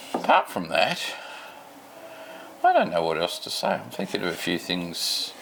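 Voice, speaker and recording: The audio is poor, with slight background noise, as a middle-aged Australian man whose voice sits low rambles casually to camera. It's an unscripted vlog at home at night, and he sounds tired, easygoing and self-deprecating.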